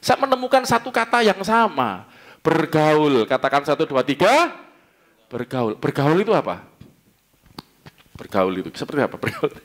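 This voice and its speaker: A man's voice: a little high, sing-song, fairly quick, a bit bright. A middle-aged man with a Javanese accent preaching a casual, joking sermon in a church service, often laughing and asking the congregation questions. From East Java. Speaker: pastor. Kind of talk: conversational sermon.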